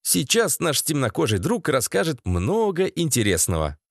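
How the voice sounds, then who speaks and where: A man's voice: a little high, huge pitch swings, moderate pace, vocal fry, no echo, studio quality, heavily acted. A man voicing a prim, scheming male secret-police officer with a fussy, formal manner in an audiobook.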